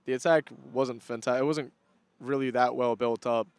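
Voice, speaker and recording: Young male color commentator, casual and joking, smooth voice, dry mic. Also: mid-range voice, steady tone, normal speed, no room sound.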